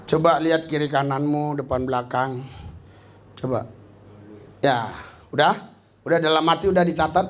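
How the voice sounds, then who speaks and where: A man preaching a lively sermon in a small church. He talks animatedly, jumping from loud bursts to quiet asides, and often laughs. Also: a little high, normal speed, pauses often, a faint crowd, slight background noise. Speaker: pastor.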